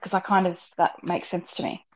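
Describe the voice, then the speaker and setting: A woman's voice: fairly low pitch, fairly quick, a little mellow. A woman co-hosting a podcast in casual chat, her voice heard through dull, worn-sounding audio. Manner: chatty, agreeing. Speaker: podcast co-host.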